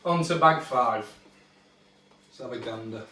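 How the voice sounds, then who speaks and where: A man's voice: medium pitch, a little slow, bright, forceful tone. A man with a Yorkshire accent, chatting bluntly and jokily as he co-hosts a snack taste test. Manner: blunt, jokey, broad dialect. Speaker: co-host of a cooking channel. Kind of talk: casual chat during a taste test. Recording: echoey room, mic at a distance.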